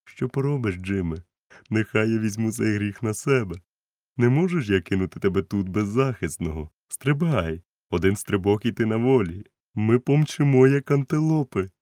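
A man's voice: lowish voice, lively intonation, normal speed, warm tone, no echo, clean studio sound, close to an everyday voice. A man voicing a kindly, resolute grown doctor who talks urgently and firmly, in a storybook reading.

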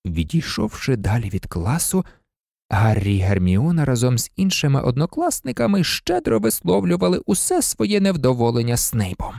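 An audiobook narrator reading a story in a lively, expressive way. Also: medium pitch, moderate pace, creaky, dry recording, studio quality.

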